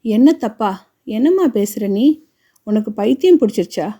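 A woman's voice: medium pitch, normal speed, lightly acted. A woman voicing a stern middle-aged orthodox man who scolds his mother harshly. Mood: scolding. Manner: scolding, shouting through teeth.

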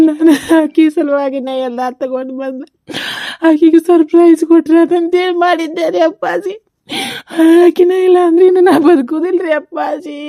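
A guilt-ridden young husband in a comedy skit, played by a woman with a North Karnataka Kannada accent. His voice sits very high and dry, pleading tearfully and repeating his words. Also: warm tone, no echo, lightly acted. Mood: guilty crying.

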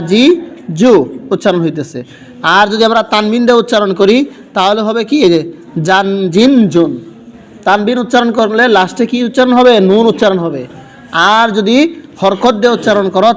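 A man teaching Quran reading, sounding out Arabic syllables and pausing for students to finish his sentences. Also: sits high. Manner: asks questions and leaves the last word for students to finish.

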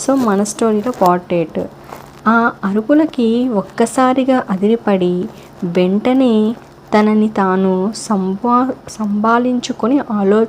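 A woman hosting her channel and reading a serialized story with steady narration. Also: mid-range voice, a little hiss or hum.

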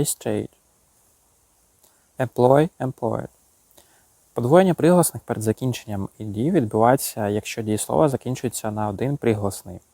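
A man's voice: mid-range voice, dark tone, no room sound, low-quality recording. Man teaching grammar, dry close sound. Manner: explains rules, then reads word pairs and example sentences aloud. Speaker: English teacher. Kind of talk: recorded grammar lesson.

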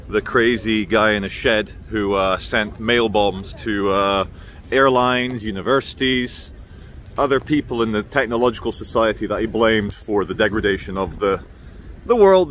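A man's voice: on the low side, a bit bright. A man in his thirties or forties giving an intense, rambling opinion monologue to camera, with a slight whistle on his "sh" sounds. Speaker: vlogger. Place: busy open city square outdoors. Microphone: phone at arm's length. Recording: noisy outdoor city ambience with traffic.

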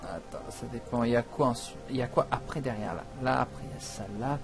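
A man giving casual, excitable gameplay commentary, swearing and breaking into loud outbursts as he plays. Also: medium pitch, fast talker, soft background music. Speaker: let's play gamer.

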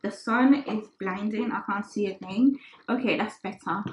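A young woman vlogging casually at home in her kitchen, chatting with lots of fillers and trailing off softly. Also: mid-range voice, moderate pace, a loud crowd. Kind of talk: casual vlog chat. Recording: roomy kitchen with faint noise.

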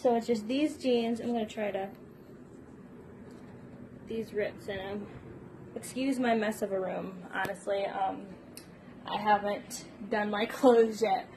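This young woman vlogs about books from her small bedroom, phone at arm's length, rambling casually with fillers and bursts of giggling. Her medium-pitched voice stays steady and a little slow, with frequent pauses, over audible background noise.

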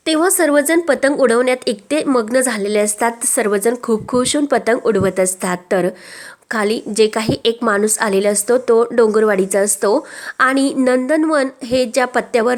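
Woman recapping a tv serial episode, kinda high voice, chatty, lots of filler links. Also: normal speed. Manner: chatty, strings events together with frequent linking fillers. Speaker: narrator retelling a TV serial episode. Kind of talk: casual spoken story recap.

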